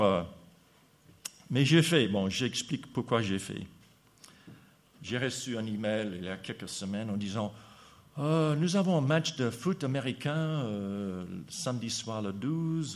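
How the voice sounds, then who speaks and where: A man with an American accent preaching a sermon, speaking haltingly with pauses and fillers. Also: mid-range voice.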